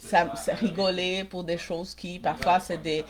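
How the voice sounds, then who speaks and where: A woman's voice: on the low side, little pitch movement, measured pace. Female coach with a mixed Québécois-Brazilian accent, live-stream workshop host, direct with viewers and checking in often. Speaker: small-business coach.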